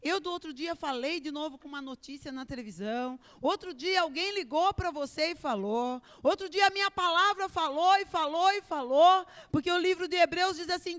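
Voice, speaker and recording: Brazilian lady preacher, high voice, big echo in the church, acts out voices. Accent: Brazilian Portuguese. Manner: expressive, acts out prayers and God's replies, swings between soft and loud. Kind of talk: live church sermon. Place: church sanctuary. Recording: echoey church hall with long reverb.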